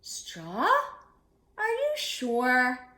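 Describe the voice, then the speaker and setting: A woman's voice: high voice, wildly swooping pitch, extremely slow, sharp tone, pitched above the performer's own voice, exaggerated voice. Woman playing a careful, sensible little boy pig. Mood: doubtful. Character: cautious, sensible young male pig. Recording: echoey room.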